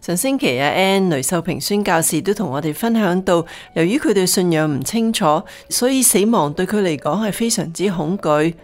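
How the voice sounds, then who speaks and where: A woman's voice: fairly low pitch, normal speed, hardly any pauses, a little mellow. Woman hosting a faith radio show. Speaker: radio program host. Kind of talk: scripted program introduction and interviewing.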